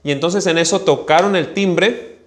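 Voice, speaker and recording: A Mexican-accented pastor tells a personal story from the pulpit and acts out the voices in it. His voice sits on the higher side for a man. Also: normal speed. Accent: Mexican Spanish. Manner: animated storyteller, acting out voices. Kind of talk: storytelling sermon.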